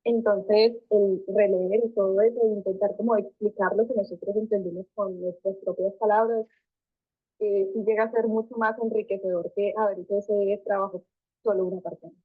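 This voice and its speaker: A woman's voice: mid-range voice, fairly even intonation, normal speed, no room sound. Young woman student over tinny call audio. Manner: thoughtful, hesitant with many fillers. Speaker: student interviewee. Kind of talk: interview answers.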